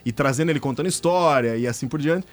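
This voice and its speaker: A man's voice: medium pitch, fast. A man in his thirties, a radio guest, telling funny stories in casual chat and laughing often. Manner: lively storyteller, laughs often.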